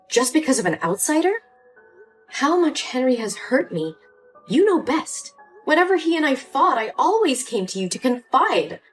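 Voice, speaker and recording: Distraught young daughter, voiced by a woman. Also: high voice. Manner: emotional, pleading.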